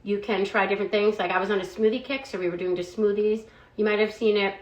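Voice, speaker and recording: A woman chats her way through a casual product review vlog, loose and quick, dropping "like" and "um" as she talks. Her middling pitch stays steady, and the recording has a noticeable roomy echo.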